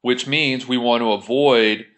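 An accounting instructor leads a screen-share tutorial, explaining things in a methodical, informal way. His mid-range voice is a bit bright, with fairly even intonation and a slightly slow pace.

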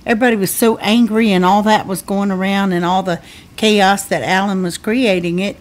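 A woman's voice: mid-range voice, fairly even intonation, normal speed. A woman co-hosting a podcast, chatting casually about a reality show with playful banter and rambling explanations. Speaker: podcast co-host. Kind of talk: casual recap chat.

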